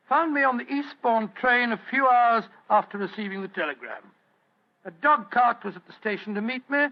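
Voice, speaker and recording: An actor playing a genial, slightly bumbling elderly British doctor telling stories in an old radio drama. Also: male voice, high-pitched. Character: elderly genial English doctor, loyal sidekick and storyteller. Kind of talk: 1940s radio acting. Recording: dull old radio recording.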